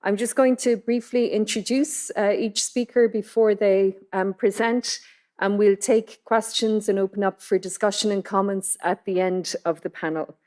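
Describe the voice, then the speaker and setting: Woman chairing a panel, measured formal introductions with ums. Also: mid-range voice, fairly even intonation, a little mellow. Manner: measured, with frequent fillers.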